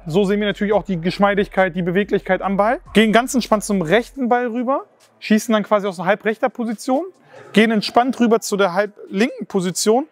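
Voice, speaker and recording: A man in his thirties presenting a football challenge in a large indoor hall, his voice high and bright. He explains the rules with energy and quick asides. The sound is close and dry from a handheld mic. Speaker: host and jury member.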